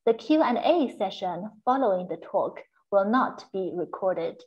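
A woman hosts an online lecture, moving through a polite, formal introduction and a few housekeeping notes. Her voice has an ordinary middle pitch, and the call audio comes through dull and a little lo-fi. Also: lively intonation, a little slow. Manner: polite, formal, reads carefully. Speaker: host and moderator. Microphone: video call.

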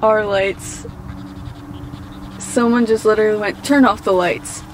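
A woman's voice: mid-range voice, fairly even intonation, measured pace. A woman on a casual paranormal vlog out in the woods, relaying the words she hears. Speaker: ghost hunter relaying spirit messages. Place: outdoors in woods at night. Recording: noisy outdoor recording with ambient noise.

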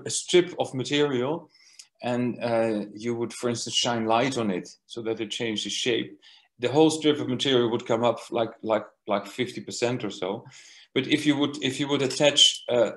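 A man giving an academic science lecture, talking slowly through slides with many fillers and restarts. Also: mid-range voice.

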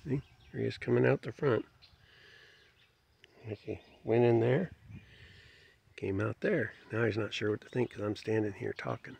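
A man's voice: fairly low pitch, normal speed, vocal fry, long pauses, husky. A man, chatting casually as he films his farmyard on a phone and talks to the animals. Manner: relaxed, folksy, talks to animals. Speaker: homestead vlogger. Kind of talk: casual narration while filming. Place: outdoors in a farmyard by a shed. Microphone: phone camera held by the filmer. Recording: dull lo-fi phone audio outdoors.

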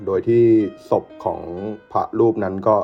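A man narrating a first-person ghost story in a hushed, suspenseful way, as the show's storyteller. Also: moderate pace. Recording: dull lo-fi sound with soft music.

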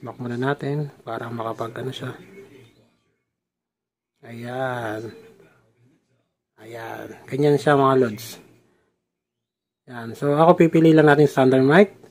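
Slow, fairly even, and a little mellow, this medium-pitched young man pauses often while explaining his motorcycle helmet camera setup in a casual how-to vlog. He's a chatty motovlogger who repeats fillers and calls viewers "lods," captured on a helmet-mounted action camera mic outdoors at home and later while riding.

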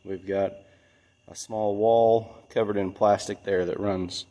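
Slow and flat in delivery, this DIY channel host speaks in a fairly low, dark voice, explaining a hands-on workshop project casually and plainly. The setting is a large metal-roofed workshop building.

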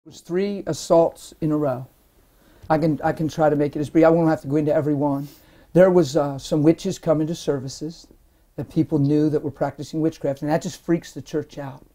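Animated man in his forties, mellow tone. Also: on the high side, fairly quick. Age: 40s. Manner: animated and emphatic, often laughing mid-sentence. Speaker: interview guest, minister. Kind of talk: personal testimony in a sit-down interview. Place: indoor lounge-style set, seated in armchair.

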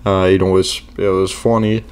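A man's voice: sits low, flat delivery, fairly quick, darkish tone, clear, resonant tone. A man hosting a reaction video, talking casually and rambling with many fillers.

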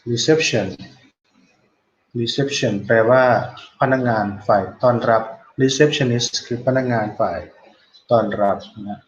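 Slow, patient male teacher, lo-fi. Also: mid-range voice. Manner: explains slowly, repeating words and pausing to quiz students; reads English model dialogue phrases aloud, drawn out. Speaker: English teacher. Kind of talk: online classroom lesson.

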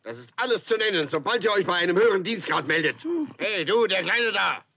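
Cartoon Roman drill officer, blustering, gravelly edge, high-strung, easily flustered, barking. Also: male voice, expressive, a little fast, pushed and bright, a little hiss or hum, full character voice. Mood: stern. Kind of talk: dubbed animated film acting.

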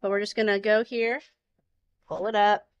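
A woman in her thirties demonstrates fiber spinning informally inside a farm shop with a concrete floor, filmed by a handheld camera a short distance away. Her mid-range voice has little pitch movement, a moderate pace and a clean tone, though the recording sounds muffled. She explains simply, using everyday comparisons.

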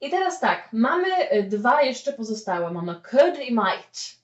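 A woman's voice: on the high side, measured pace. Woman teacher in an echoey room. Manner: lively, explains with frequent "okay?" check-ins. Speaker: English teacher. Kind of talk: spoken language lesson. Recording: echoey room, mic at a distance, dull lo-fi sound.

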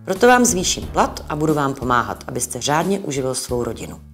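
A reformed old miser from a read-aloud storybook, cheerful and brisk, as a woman reader puts him on. The voice sits low for a woman. It stays close to her own reading voice. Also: very animated, faint music behind. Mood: mock-stern. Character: old male miser, newly joyful and generous.

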